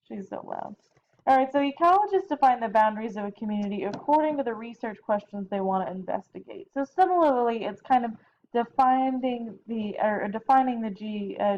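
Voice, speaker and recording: A warm, fairly high female voice belongs to a biology teacher who is tired and yawning as she talks through a casual recorded lecture from home. She stops to fix her own mistakes and adds chatty side remarks, captured on a dull, lo-fi recording with faint noise.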